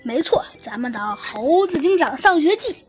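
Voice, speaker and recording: High-voiced woman telling kids' stories. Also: sing-song, moderate pace. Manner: hesitant, clears throat often, many fillers. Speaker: children's story host. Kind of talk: storytelling for children.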